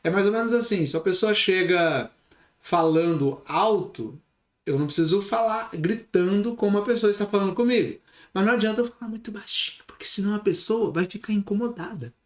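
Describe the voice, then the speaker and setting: A man's voice: high-pitched, fairly quick, reverberant. A man with a Brazilian Portuguese accent teaching a recorded online class, talking expressively and gesturing as he explains. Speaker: instructor.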